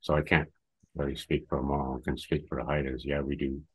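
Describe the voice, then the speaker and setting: A man telling a story as a radio guest, in a casual and halting way. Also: a bass voice, little pitch movement, husky, poor audio. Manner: halting, hesitant phrasing.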